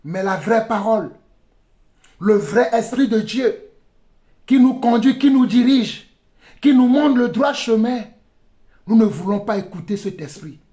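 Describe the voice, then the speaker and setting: High-pitched, fervent male preacher. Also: animated, a little slow, pauses often, highs cut off. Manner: fervent, often shouting, repeats phrases for emphasis; asks the congregation call-and-response questions. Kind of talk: impassioned sermon.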